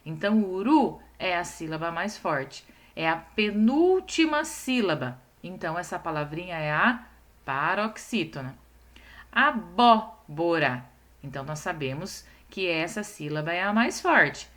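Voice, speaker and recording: A woman teaching a recorded lesson to young schoolchildren, patient and explaining step by step. She slows down to stress syllables and keeps checking whether the children follow. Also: on the low side, big pitch swings, a bit bright.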